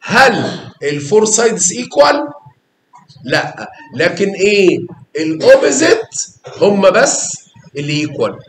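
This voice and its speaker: An Egyptian man teaching a math class with a lively, coaxing manner. His voice sits a little high and swings widely as he repeats key words and quizzes his students. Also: unhurried, pauses often, roomy sound, noisy background. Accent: Egyptian Arabic. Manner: animated, coaxing students with questions and repetition.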